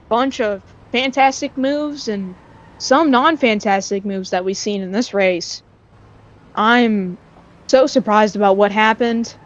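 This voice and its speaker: A woman giving casual live commentary on an online sim race, repeating herself and quick to get excited when the racing tightens. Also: mid-range voice. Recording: dull lo-fi stream mic.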